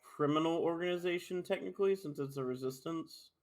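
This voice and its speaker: A man's voice: fairly high pitch, brisk, darkish tone. A man chatting casually as a player in a tabletop role-playing game.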